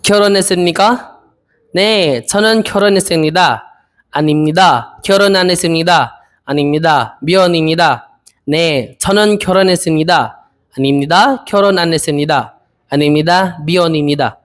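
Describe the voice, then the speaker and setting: A young man in his twenties from the Philippines, practicing Korean interview answers aloud, hesitant and repeating each phrase slowly. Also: a little high, a bit bright. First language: Filipino. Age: 20s. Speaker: Korean language learner.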